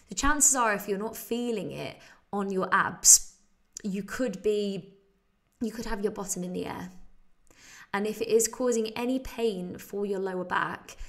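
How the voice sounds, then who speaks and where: A fitness instructor talking from under a table on the floor while holding a plank, chatty and self-mocking. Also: female voice, mid-range voice, fairly bright tone. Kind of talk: live online exercise class.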